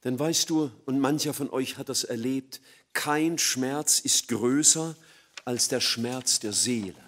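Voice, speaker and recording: A middle-aged man preaching an evangelistic sermon, swinging from loud emphatic peaks to hushed, low passages. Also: takes it slowly.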